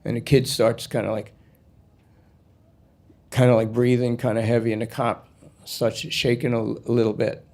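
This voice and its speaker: A man telling a story in an animated, digressive way, full of asides. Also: mid-range voice, moderate pace, pauses often. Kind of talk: spoken storytelling.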